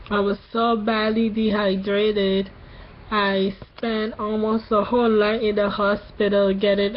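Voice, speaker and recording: A woman in her late twenties giving a casual personal update in a halting way, a little tired and recovering from tonsil surgery that morning. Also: medium pitch, highs cut off, slight background noise. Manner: slow, halting delivery with long pauses. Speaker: vlogger.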